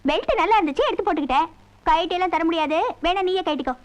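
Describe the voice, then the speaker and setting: A woman's voice: very high voice, lively intonation, rapid-fire, slight background noise. An actress playing a cheeky young woman who teases a young man. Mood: teasing. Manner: teasing.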